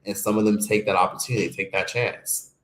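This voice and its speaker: Profane, rambling man with a low voice. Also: steady tone, brisk, fairly bright tone. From United States. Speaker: streamer host. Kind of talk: casual opinion monologue. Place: home streaming setup. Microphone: streaming microphone. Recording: echoey room.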